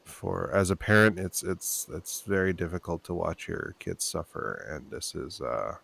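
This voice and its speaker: Podcast co-host, man in his thirties, very low gravelly voice, worn out, rambling. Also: fairly bright tone. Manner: rambling, restarting, trailing off. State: tired, low on sleep. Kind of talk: casual chat.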